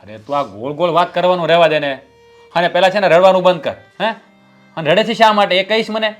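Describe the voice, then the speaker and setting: A man's voice: high voice, fast talker, faint music behind, lightly acted. Man playing a stern, protective husband. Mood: coaxing. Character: protective husband, head of the family. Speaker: actor. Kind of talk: family drama acting.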